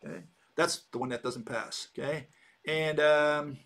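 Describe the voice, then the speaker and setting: Guy ranting on his own channel, kinda high voice, lots of uh and restarts, mocking tone. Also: steady tone, unhurried, fairly bright tone. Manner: rambling and mocking, with many hesitations and restarts. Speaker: channel host. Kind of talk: sardonic monologue commentary.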